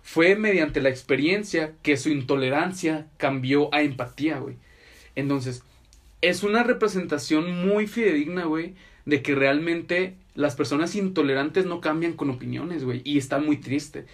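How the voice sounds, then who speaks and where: A man's voice: on the high side, normal speed. A young man with a Mexican accent chatting casually as a podcast co-host, explaining things in slangy, profane language. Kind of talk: casual chat.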